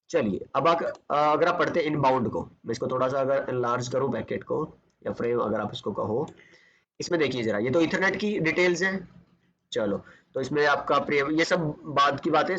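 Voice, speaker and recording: Man, tutorial walkthrough, slightly high voice, dull lo-fi sound. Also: a bit bright. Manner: explanatory, asks and answers his own questions. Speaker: networking instructor. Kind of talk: screen-recorded tutorial walkthrough.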